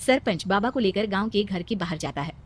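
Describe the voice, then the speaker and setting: A woman's voice: mid-range voice, expressive, a little fast. A woman narrating a scripted story as the storyteller.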